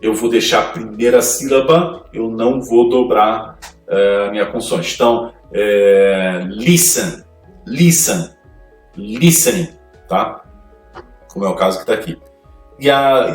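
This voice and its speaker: A man gives an English grammar lesson, reading out each rule and then walking through it slowly. His voice sits at a middle pitch and comes from some distance off the mic. The room is echoey, with soft music in the background. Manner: explains slowly, reading rules aloud in English then explaining them in Portuguese. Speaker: English teacher.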